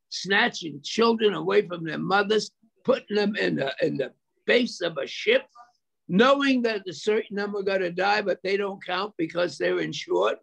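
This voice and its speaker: Gravelly older man giving a fiery speech. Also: high-pitched. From United States. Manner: preacherly, rhetorical questions and repetition. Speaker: speaker at a memorial event. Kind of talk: impassioned speech. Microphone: video call.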